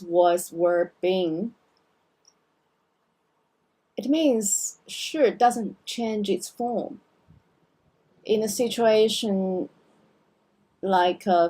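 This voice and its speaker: A middle-aged woman teaching a beginner language lesson, explaining slowly and drilling words over and over. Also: lowish voice, mellow, poor audio. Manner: slow, careful explanations with repeated drills.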